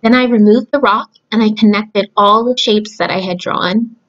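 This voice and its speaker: A young adult woman speaking to children in simple, deliberate phrases, as a storyteller and craft host. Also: medium pitch, fairly bright tone, highs cut off. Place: small room at home, indoors.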